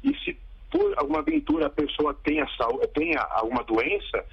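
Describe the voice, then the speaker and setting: A man's voice: a little high, huge pitch swings, a little fast, vocal fry, breathy edge. A man, a pharmacist guest explaining his field hesitantly with many fillers and restarts, heard over a crackly, breaking phone line. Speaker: interview guest, pharmacist and acupuncture specialist. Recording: muffled crackly phone call.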